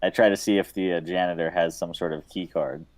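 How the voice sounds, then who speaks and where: A man's voice: low-pitched, steady tone, fairly quick. A man playing a tabletop role-playing game, describing his character's sly moves playfully. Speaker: player. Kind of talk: casual tabletop game play.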